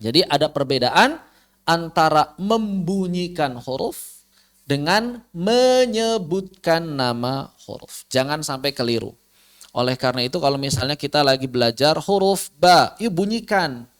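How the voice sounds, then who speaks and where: Brief: high-pitched male tajwid teacher, online class, quizzes his students and draws out the letters. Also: lively intonation. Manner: explains with repeated questions to students, drawn-out recited letters. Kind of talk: online recorded class lesson.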